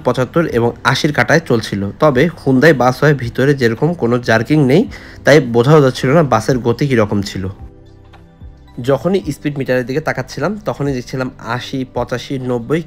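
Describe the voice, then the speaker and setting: A man's voice: mid-range voice, fast talker, faint music behind. A man narrating a travel vlog in a scripted voice-over, describing and reviewing a bus journey. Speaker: travel vlogger.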